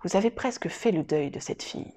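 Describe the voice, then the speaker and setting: A woman voicing a calm, probing male psychiatrist who questions his patient in a measured way, in an audiobook reading. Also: lowish voice. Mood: reassuring.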